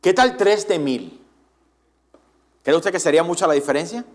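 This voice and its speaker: A man preaching a Sunday sermon in church as pastor, animated and often asking the congregation direct questions. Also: a little high, normal speed.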